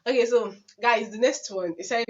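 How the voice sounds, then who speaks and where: A woman's voice: on the high side, moderate pace, a little mellow. Dramatic, laughing Nigerian woman. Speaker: vlogger. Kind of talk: casual story time vlog. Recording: dull lo-fi recording.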